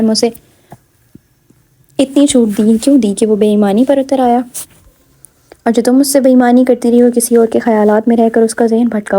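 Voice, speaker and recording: A woman voicing a proud, sharp-tongued young wife in a read-aloud romance story, speaking with a pointed, biting edge. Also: on the high side, natural voice.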